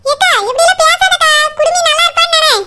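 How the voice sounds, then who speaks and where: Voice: very high-pitched, steady tone, fast talker, noisy background. A voice actor playing a nervous young man, the owner's younger brother, giving flustered replies in a Kanyakumari Tamil accent in a cartoon. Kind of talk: cartoon voice acting.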